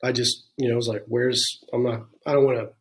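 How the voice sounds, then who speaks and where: A man's voice: medium pitch, little pitch movement, a little fast. A man in his forties, a guest in an interview, telling his own story frankly and reflectively, with plenty of "you know" and "um" along the way. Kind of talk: candid personal storytelling in a conversation.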